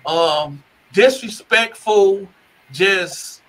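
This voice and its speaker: A man tells his own story in a casual interview, rambling and circling back over his words. His voice is bright and sits a little high. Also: lively intonation, drawn-out words, poor audio. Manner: rambling, restarts and repeats words. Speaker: guest telling his life story.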